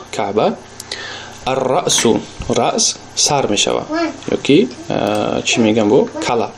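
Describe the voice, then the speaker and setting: A man with a Tajik accent teaching an Arabic lesson, patiently repeating each word slowly for drilling. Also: mid-range voice, vocal fry. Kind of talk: recorded language lesson.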